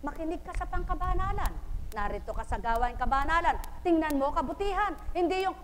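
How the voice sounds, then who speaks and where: High-voiced woman preaching in a hall. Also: brisk. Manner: rhetorical, questioning the congregation, animated storytelling. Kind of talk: sermon. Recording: live stream with long hall reverb and faint noise.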